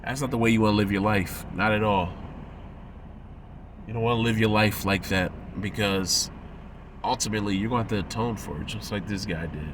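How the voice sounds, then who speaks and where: Here a religious commentator, about thirty-something, moralizes through a preachy video with measured delivery and many pauses. A cold leaves him nasal, stuffed-up and coughing; his voice is lowish and the background is noisy.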